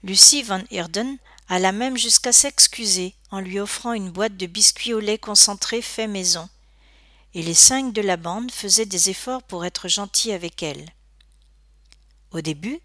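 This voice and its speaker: A woman narrating a story aloud in an expressive, scripted reading. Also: mid-range voice, a little slow, dry recording, clean studio sound. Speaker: audiobook narrator.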